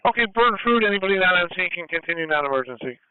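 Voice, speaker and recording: Male dispatcher on police radio, high clear voice, procedural, thin phone-like transmission. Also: lively intonation, no echo. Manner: brisk, procedural. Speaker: fire dispatcher.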